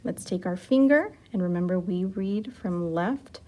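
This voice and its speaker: A woman teaching young children an early reading lesson, speaking slowly and clearly, drawing out letter sounds and cheering them on. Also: on the low side, mellow. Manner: slow, clear, encouraging teacher talk with drawn-out sounds.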